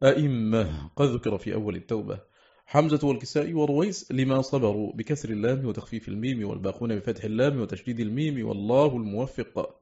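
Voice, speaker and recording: A man's voice: medium pitch, warm tone. A man reading a scholarly text aloud for an audiobook, steadily and methodically listing one item after another. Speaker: audiobook reader. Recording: dull lo-fi recording.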